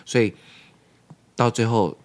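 A man's voice: medium pitch, slow pace. A man co-hosting a casual podcast chat, telling stories animatedly and acting out the dialogue. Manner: animated storytelling, acting out quoted dialogue, frequent laughter. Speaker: podcast co-host.

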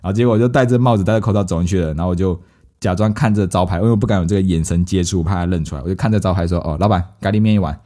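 Guy hosting a podcast, talks fast, mellow tone, does little voices for his family. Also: sits low. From Malaysia. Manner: lively anecdote-telling, acts out quoted family members. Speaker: podcast host. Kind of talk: casual storytelling.

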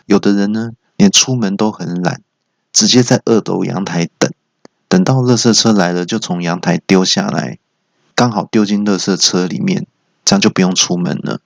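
A man hosting a solo comedy show, telling jokey stories and jumping into shouted character quotes. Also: sits low, normal speed, creaky, no echo. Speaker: comedy podcast host. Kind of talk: solo stand-up storytelling. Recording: dull lo-fi recording.

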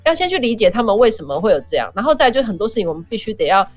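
A woman's voice: medium pitch, racing, soft background music. A middle-aged woman, a podcast guest, telling family stories and acting out the voices of the people in them in casual chat. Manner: animated storyteller, acts out family members' voices. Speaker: podcast guest sharing parenting advice. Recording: dull, dry podcast audio.

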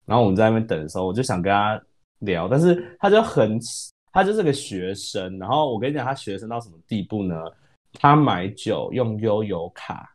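A Taiwanese man with a Taiwanese Mandarin accent tells a story on a casual podcast, talking at a rapid clip in a lowish voice. He rambles, corrects himself mid-sentence and slips English words into his speech. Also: very animated. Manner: rambling, self-correcting, mixes in English words, laughs often. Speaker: podcast co-host.

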